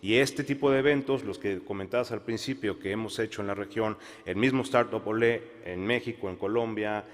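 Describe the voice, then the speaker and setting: A man speaking on a conference panel, measured, with fillers and restarts. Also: fairly low pitch. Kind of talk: panel discussion. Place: conference hall. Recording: long hall reverb.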